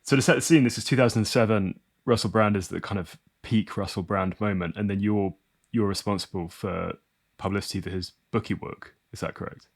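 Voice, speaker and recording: A man's voice: on the low side, steady tone, fairly quick. A man hosting a podcast, asking thoughtful, slightly hesitant interview questions. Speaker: podcast host.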